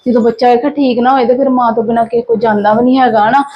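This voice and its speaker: A woman's voice: fairly high pitch, little pitch movement, racing, lo-fi sound. A sleep-deprived mother, chatting casually in a family vlog, tired and worried and full of fillers and restarts. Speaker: vlogger and mother.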